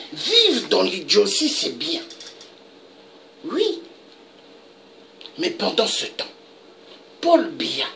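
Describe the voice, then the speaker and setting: A woman's voice: gravelly, bright, forceful tone, a little hiss or hum. A woman delivering an impassioned political monologue, emphatic and indignant. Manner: emphatic, indignant, with dramatic pitch leaps. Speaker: political commentator.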